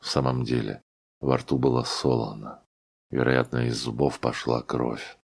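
A man reading a literary audiobook in a slow, somber storytelling manner. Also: a bass voice, little pitch movement, creaky. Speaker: audiobook reader.

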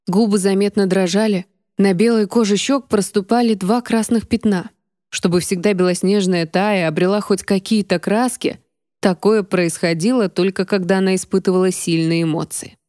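A woman narrating a fantasy novel as an audiobook reader, in measured storytelling. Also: medium pitch, dark tone, no room sound, studio quality. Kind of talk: scripted narration.

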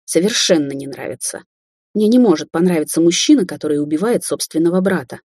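A woman's voice: lowish voice, lively intonation, fairly quick, husky, dry recording, studio quality. Woman doing a frightened wary young woman. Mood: tense. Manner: tense, cautious, breaking into frightened shouts.

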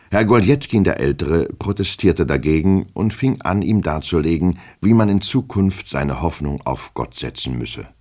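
A man reading a classic novel for radio in a measured, even storytelling manner. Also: a bass voice. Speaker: reader.

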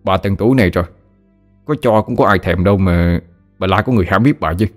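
A man's voice: low-pitched, fast talker, faint music behind, natural voice. Man doing a teasing young exorcist. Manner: teasing, playfully mock-innocent. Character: joking young exorcist, sly storyteller.

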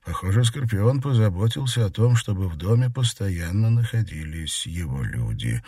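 Low-voiced male audiobook narrator. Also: expressive, mellow, breathy edge, dry recording, clean studio sound. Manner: measured storytelling. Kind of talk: scripted narration.

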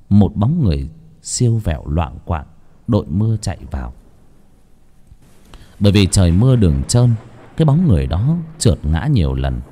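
A man narrating a dramatic audio story in an expressive storytelling manner. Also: deep voice, slightly rough.

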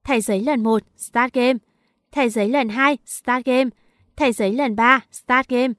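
Female audiobook narrator, somewhat high voice, dry booth sound, reads a teen story and does every character lightly. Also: fairly even intonation, measured pace, fairly bright tone, no echo. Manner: reads dialogue of many characters in one lightly shifted voice.

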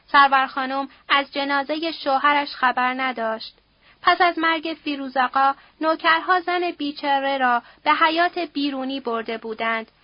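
A woman reading a novel aloud as an audiobook narrator in a steady, somber storytelling manner. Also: high-pitched, no echo, muffled recording. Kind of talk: scripted narration.

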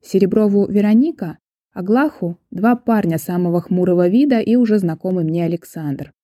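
A woman narrates a first-person audiobook in a steady, measured storytelling style. Her fairly low-pitched voice is captured in a dry, clean studio recording.

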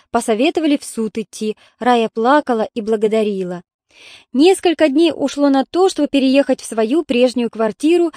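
A woman's voice: a little high, darkish tone, dry recording, studio quality. Woman narrating an audiobook.

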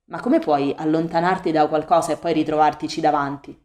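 A brave young girl who speaks firmly and stands her ground. A woman reads her in a fairly low voice, as part of a storybook audiobook. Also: steady tone, fairly quick, darkish tone, lightly acted. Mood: puzzled. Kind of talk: audiobook reading.

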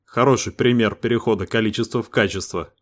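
A man's voice: fairly low pitch, a little fast, natural voice. A man voicing a sardonic male cosmonaut in an audiobook, muttering with sarcasm. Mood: sarcastic. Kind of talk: audiobook character voice.

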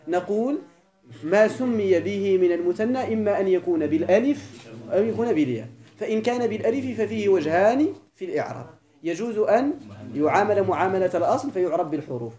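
A man's voice: high-pitched, warm tone. A man with a Moroccan Arabic accent teaching a grammar lesson, going over each point step by step, repeating it, and often asking whether the class is following. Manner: explains step by step, repeats points, keeps checking students follow.

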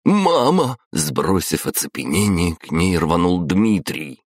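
A male narrator with a very deep, low voice reads a fantasy novel in a steady, dramatic way. The recording is dry and close, with no room sound. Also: a little slow, no room sound. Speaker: audiobook narrator.

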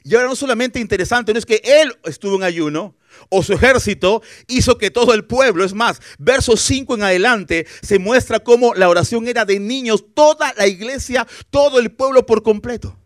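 A man preaching a sermon as a guest pastor, animated, acting out quotes and asking the listeners questions. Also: very high voice, brisk, no echo, clean studio sound. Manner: animated, acts out quotes, asks rhetorical questions. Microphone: broadcast for television.

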